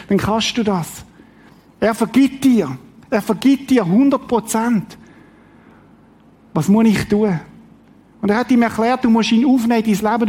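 A man's voice: sits high, darkish tone. A man preaching a sermon, reading scripture and speaking directly and earnestly to the congregation. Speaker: pastor.

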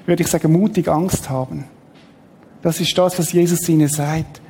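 Guy preaching, high voice, chatty, asks the crowd stuff, long reverb. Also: steady tone, a little slow, mellow. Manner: conversational, asks the congregation questions. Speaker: pastor. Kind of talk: sermon. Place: church hall.

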